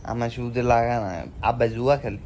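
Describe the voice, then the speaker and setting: A man's voice: medium pitch, level tone, a little fast. A man, playing a child in a comic sketch and talking in a whiny, complaining way. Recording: noisy background.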